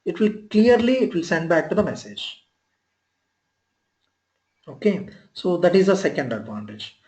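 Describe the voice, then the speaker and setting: A man, recorded off an online class through screen capture, his voice a touch higher than most men's. The sound is roomy and echoey, as a laptop call tends to be. He teaches in halting, repeated phrases and keeps checking that his listeners follow. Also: big pitch swings, a little mellow. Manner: halting, repeats himself, often checks "you are clear?". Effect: heard through a screen recording of an online class session. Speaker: software trainer. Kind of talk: live online training lecture.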